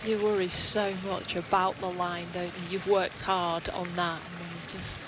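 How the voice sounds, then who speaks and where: A woman's voice: fairly low pitch, level tone, moderate pace. A woman working as a golf commentator, giving conversational live analysis of play. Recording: outdoor broadcast with background noise.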